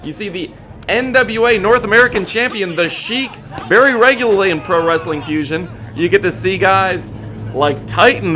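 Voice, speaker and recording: Male lucha libre wrestling commentator, notably high register, promotional hype and dramatic calls, clear music behind. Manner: hyped promotional announcing with dramatic exclamations.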